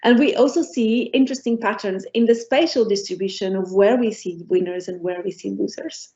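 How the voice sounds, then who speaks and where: A middle-aged woman from Portugal giving an academic lecture as a professor, pausing often on ums and restarting her phrases. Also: medium pitch, warm tone. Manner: hesitant, many ums and restarts. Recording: dull lo-fi recording.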